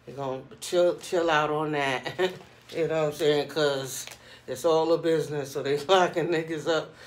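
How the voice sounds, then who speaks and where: A man's voice: a little high, steady tone, moderate pace. A middle-aged man giving casual, rambling commentary as a vlogger in informal street slang. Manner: informal street slang, repeats "you know what I'm saying".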